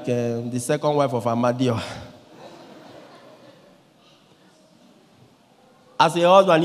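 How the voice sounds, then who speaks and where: Animated Nigerian priest in a reverberant church. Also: male voice, fairly high pitch. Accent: Nigerian English. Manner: animated, acts out quoted voices, swings from loud to quiet. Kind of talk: lively sermon. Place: large church, indoors. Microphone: handheld microphone.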